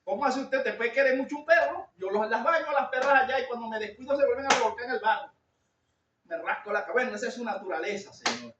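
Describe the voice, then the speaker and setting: A man with a Venezuelan accent preaching a sermon in a loud, shouting timbre, earnest and confessional, calling his listeners brother. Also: very high-pitched, quick pace, a little hiss or hum. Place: church hall. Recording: echoey hall, distant lo-fi mic.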